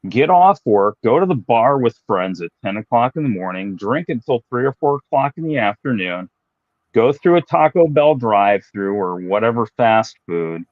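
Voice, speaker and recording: A man in his late fifties, a fitness professional telling his own story in a relaxed, self-deprecating way during an interview. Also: mid-range voice, normal speed, no room sound, narrow, tinny audio. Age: 50s.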